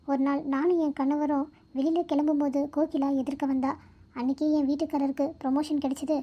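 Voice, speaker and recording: A woman voicing a kind young friend who speaks gently and reassuringly. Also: high voice, close to an everyday voice. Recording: dull lo-fi recording.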